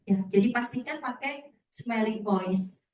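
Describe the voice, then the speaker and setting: A woman's voice: fairly high pitch, unhurried, darkish tone, slight background noise. A woman sales trainer, casual and chatty, talking directly to her audience and tagging her phrases with "ya". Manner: ends phrases with a questioning "ya". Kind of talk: training session talk. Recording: echoey room, far from the mic.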